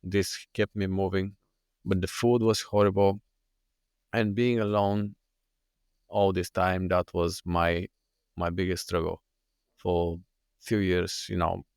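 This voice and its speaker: A Bulgarian man telling his own story as a podcast guest, earnest and halting with many restarts. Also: deep voice, level tone, darkish tone, smooth, no echo, clean studio sound. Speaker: guest, fitness coach. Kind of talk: podcast interview.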